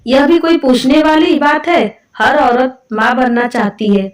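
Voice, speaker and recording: Storybook role: insistent traditional mother-in-law, read by a woman narrator, higher voice, distant mic. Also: fairly even intonation, measured pace. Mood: shocked. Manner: scolding, insistent. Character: strict traditional middle-aged mother-in-law.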